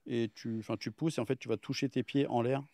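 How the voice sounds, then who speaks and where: Guest man, mid-pitch, hesitant explainer; dry close recording. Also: steady tone, quick pace, warm tone, no room sound. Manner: hesitant, restarts often, explains patiently. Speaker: guest athlete. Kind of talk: casual chat.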